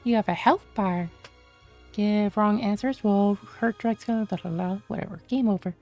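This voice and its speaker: Over soft background music, a woman reads game dialogue as a sly male doctor, a smooth talker interrogating a cop. Her medium-pitched voice is a little mellow and close to everyday speech, and her measured, questioning lines sound probing.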